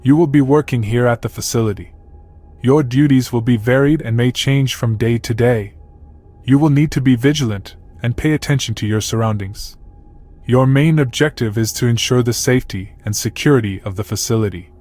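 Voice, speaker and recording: A man voicing a stern old male facility boss with a deep, gravelly voice, speaking slowly and deliberately over faint music. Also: darkish tone, close to an everyday voice. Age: older. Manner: slow, deliberate, ominous.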